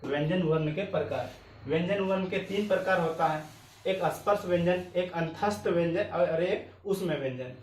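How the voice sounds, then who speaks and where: A man's voice: high-pitched, normal speed. A man teaching a grammar lesson. He repeats each point several times and asks questions that he answers himself. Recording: echoey room, voice a bit distant.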